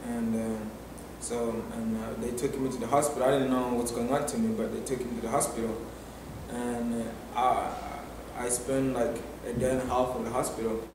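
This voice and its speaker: A nineteen-year-old man tells his story haltingly, with many fillers and restarts. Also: mid-range voice, level tone. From Tanzania. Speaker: interviewee. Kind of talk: personal story for a documentary. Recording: very echoey room, distant mic, noisy.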